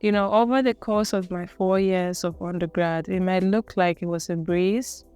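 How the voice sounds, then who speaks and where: A woman's voice: fairly low pitch, steady tone, normal speed, darkish tone, clean tone. A young woman from Cameroon telling her own college story in a casual, earnest, reflective way, often musing and correcting herself. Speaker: vlogger.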